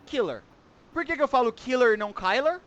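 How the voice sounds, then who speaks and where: Encouraging Brazilian English teacher, dry sound. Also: male voice, very high-pitched, expressive, fairly quick, fairly bright tone, dry recording, lo-fi sound. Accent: Brazilian Portuguese. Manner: encouraging, switches between Portuguese and English explanations. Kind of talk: online English class feedback and explanation.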